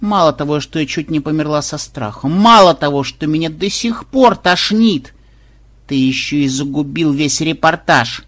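Man doing indignant woman, husky, scolding, audiobook. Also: a little high, lively intonation, normal speed, a bit bright. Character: indignant woman, queasy and furious.

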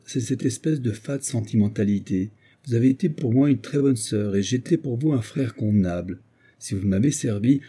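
A man's voice: lowish voice, mellow, slightly rough. A man voicing a cold, selfish, scheming middle-aged man in an audiobook, speaking with firm disdain.

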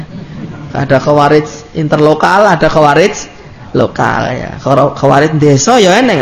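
A man's voice: a little high, gravelly, echoey room. A man with a Javanese accent giving a religious study lecture in a conversational way, acting out little anecdotes. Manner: conversational, mixes in Javanese, animated acted-out anecdotes. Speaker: Islamic preacher.

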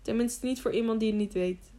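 A man's voice: high-pitched, fairly quick, warm tone, lightly acted. A woman reading a cheerful young mountain guide. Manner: cheerful, easygoing.

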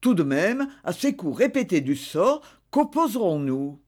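A woman's voice: lowish voice, very animated, unhurried, darkish tone. Gloomy grumbling husband, read by a woman. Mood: weary. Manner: grumbling, hesitant. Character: worried older husband, grumbling and weary.

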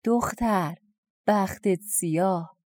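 A woman's voice: medium pitch, darkish tone, no echo, studio quality, lightly acted. A woman voicing a small, polite talking mouse. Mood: courteous. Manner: polite, then slow and ominous.

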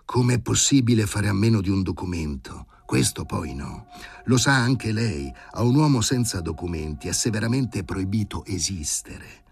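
A man's voice: lowish voice, expressive, normal speed, creaky, breathy edge, full character voice. A man voicing a coarse, cocky man who used to be a stray dog, talking back with brash, sarcastic insolence in an audiobook reading.

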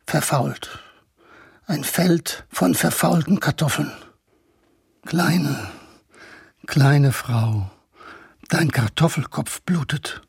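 Cast a grieving, strained man, breathy, very slow, dry close sound. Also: fairly high pitch, no room sound, full character voice. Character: grieving man unable to cry. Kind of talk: radio drama acting.

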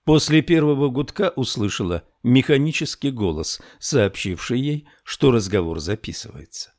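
A man narrating a thriller audiobook in a slow, measured storytelling manner. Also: medium pitch, expressive, a little mellow, no echo, clean studio sound.

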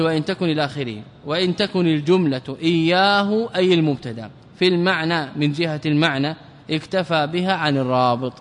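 A religious scholar gives an Arabic grammar lesson, quizzing his students, supplying the answers himself and chanting lines of verse slowly. His voice is fairly high, and the sound has a big-room quality.

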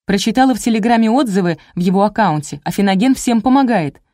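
A woman voicing a hot-tempered, jealous young woman who speaks in sharp, snapping outbursts. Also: medium pitch, expressive, quick pace, no echo, clean studio sound, natural voice. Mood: heated.

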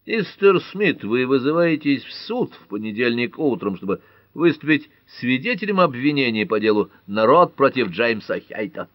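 A man's voice: medium pitch, sing-song, normal speed, dry recording, muffled recording, pitched above the performer's own voice, natural voice. A male narrator voicing a polite, formal police chief in an audiobook. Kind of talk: audiobook character voice.

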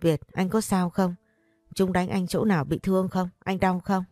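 Woman reading as a scared pleading young wife, low mellow voice, dry sound. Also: fairly even intonation, normal speed, no room sound, faint music behind, close to an everyday voice. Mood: worried.

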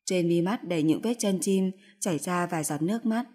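A woman narrating a story in first person with a steady, expressive reading. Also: lowish voice, brisk.

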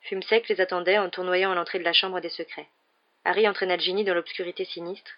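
Low-voiced woman reading an audiobook. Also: fairly even intonation, fast, highs cut off. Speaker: audiobook reader. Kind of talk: audiobook narration.

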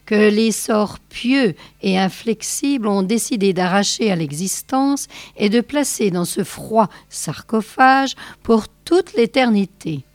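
A woman's voice: medium pitch, lively intonation, slow pace, hardly any pauses, dry recording. Lady doing an old central european gent orating, all grand and pompous, dry close sound. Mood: solemn. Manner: grandiloquent, declaiming.

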